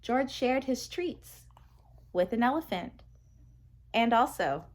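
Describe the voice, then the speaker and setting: A woman with a fairly high-pitched voice reads aloud from a children's picture book, narrating it in an expressive, measured way.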